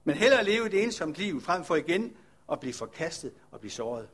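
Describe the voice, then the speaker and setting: A man's voice: on the high side, big pitch swings, a bit bright, slightly rough. A man preaching a sermon as a pastor, speaking in an earnest, reflective way and putting questions to his listeners.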